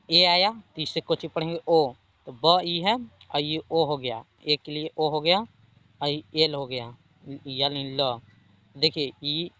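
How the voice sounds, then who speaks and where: A man with a Bihari Hindi accent teaching a spoken English lesson, slowly repeating each rule and asking if it is understood. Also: on the high side, bright, forceful tone, no room sound, muffled recording. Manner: slow, repeats rules and checks understanding.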